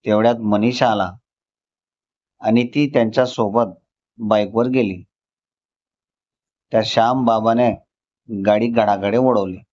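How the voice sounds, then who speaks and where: A man narrating a scripted story in a calm, measured reading. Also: lowish voice. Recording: slightly dull lo-fi recording.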